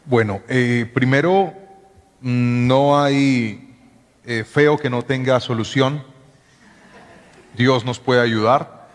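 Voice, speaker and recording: A man, a pastor, telling his own story and giving counsel in an animated way, with stammered repeats. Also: mid-range voice, slow pace, long pauses. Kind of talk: personal testimony and counsel. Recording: long hall-like reverb.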